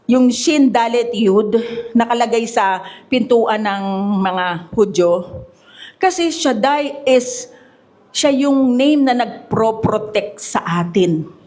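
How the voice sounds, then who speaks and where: A woman's voice: a little high, darkish tone. A woman pastor preaching a sermon at a church service, mixing Tagalog and English and calling out "Amen?" to the congregation. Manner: preaching with call-and-response Amen; switches between Tagalog and English.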